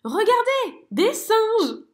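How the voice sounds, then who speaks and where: A woman voicing a boastful, bossy male blackbird who exclaims loudly. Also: sits high, big pitch swings, normal speed, pitched above the performer's own voice. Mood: excited shouting.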